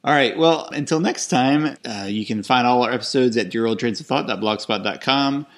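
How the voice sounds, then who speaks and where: A man's voice: medium pitch, normal speed. A man co-hosting a casual podcast, agreeable and a little hesitant, recorded in an echoey room. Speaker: podcast co-host. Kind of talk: casual TV discussion chat.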